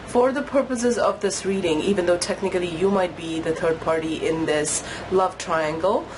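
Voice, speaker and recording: A woman's voice: fairly low pitch, moderate pace, background noise. A woman with a cold and a nasal voice, chatting casually through a tarot reading with many fillers. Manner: chatty, filler-heavy, apologetic. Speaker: tarot reader. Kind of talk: casual pick-a-pile tarot talk.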